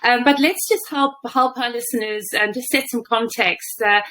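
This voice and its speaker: A woman's voice: a little high, moderate pace, sharp tone, rough recording. A woman hosting a podcast interview, asking questions and praising her guest effusively, with many fillers. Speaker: podcast host.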